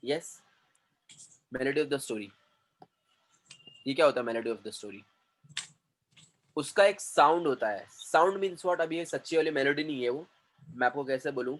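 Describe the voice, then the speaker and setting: Man, communication trainer, classroom lecture, slow, repetitive, checks understanding. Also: medium pitch, poor audio.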